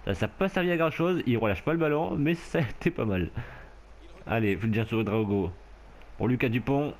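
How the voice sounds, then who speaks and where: Playing a rugby video game, this gameplay commentator narrates his own match in an excitable, casual way, laughing and shouting as things heat up. He speaks at medium pitch and a moderate pace.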